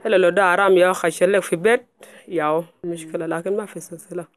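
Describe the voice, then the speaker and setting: A woman's voice: on the low side, fairly even intonation, fast talker. A woman in her twenties from South Sudan with a South Sudanese Arabic accent, giving matter-of-fact answers in an interview. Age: 20s.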